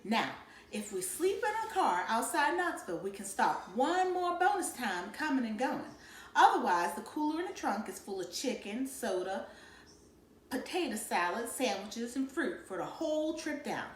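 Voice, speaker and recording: Woman reading as a calm, organized mother. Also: on the high side, normal speed, slight background noise. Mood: planning. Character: organized, calm mother planning a family trip. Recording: roomy echo.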